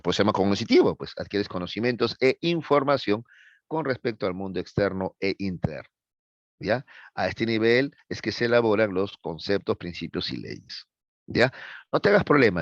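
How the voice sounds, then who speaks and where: Male teacher, low register, lecturing a class with frequent checks for understanding, dry lo-fi classroom recording. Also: no echo. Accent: Peruvian Spanish.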